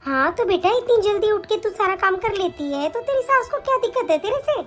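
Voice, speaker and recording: A woman plays a doting middle-aged mother in a cartoon story who soothes her grown daughter. Her voice is very high and gentle in manner. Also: expressive, fairly quick. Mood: indulgent. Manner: soothing, indulgent.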